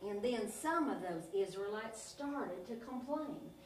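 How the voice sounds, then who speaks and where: Playing a clown, a woman tells children a Bible story in an exaggerated, sing-song style, her voice a little high, expressive and measured in pace. It's an animated children's lesson, recorded from a distance in an echoey room with faint noise.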